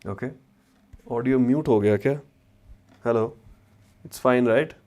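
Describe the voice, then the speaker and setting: A man's voice: medium pitch, measured pace, darkish tone. Casual north Indian man, chatty livestream host. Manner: chatty, informal, slips between English and Hindi slang. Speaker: travel vlogger and former chemistry teacher hosting a livestream. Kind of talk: casual livestream chat answering viewers' questions. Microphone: wireless mic.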